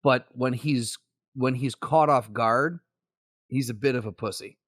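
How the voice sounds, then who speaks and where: A podcast co-host chats casually, swearing freely and joking around as he argues a point in an animated, profane way. His mid-range voice is unhurried, captured in clean studio sound without echo.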